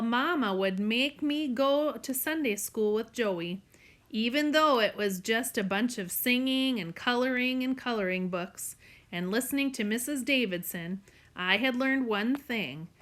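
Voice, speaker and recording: A woman's voice: a little high, fairly bright tone. A woman narrating a novel in the first person, in an earnest storytelling tone. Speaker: audiobook narrator.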